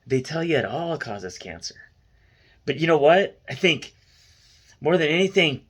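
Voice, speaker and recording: A man's voice: mid-range voice, a bit bright. A middle-aged man chatting casually and earnestly to his viewers, in a rambling, conversational way as a vlog host. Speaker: host of a music reaction vlog.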